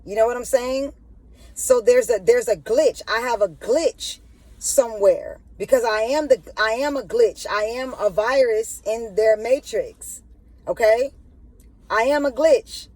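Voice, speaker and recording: A woman's voice: on the high side, a little slow, darkish tone, no room sound, rough recording. A woman hosting a spiritual monologue who stutters and keeps asking the listener "you know what I'm saying". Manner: stuttering, repeats filler phrases. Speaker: channel host.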